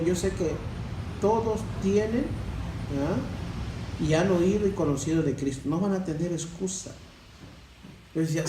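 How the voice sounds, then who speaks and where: A man delivers a sermon-style testimony, preachy and full of rhetorical questions to his brothers. His voice is mellow and a touch high. He sounds far from the mic in an echoey room with faint background ambience. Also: slight background noise. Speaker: church member giving testimony.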